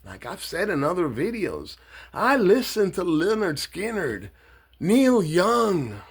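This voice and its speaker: A man from Miami giving a blunt, mocking, swear-heavy political rant to camera, loose and halting with fillers when he explains himself. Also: high-pitched, wildly swooping pitch, gravelly, slightly rough. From Miami, Florida. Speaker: political satire vlogger. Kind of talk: profane political rant and monologue.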